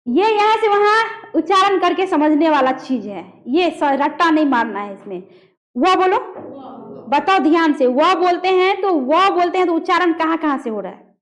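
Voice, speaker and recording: A woman's voice: very high voice, lively intonation, moderate pace. A woman teaching a grammar lesson, demonstrating sounds aloud and quizzing her students. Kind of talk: classroom lesson on pronunciation.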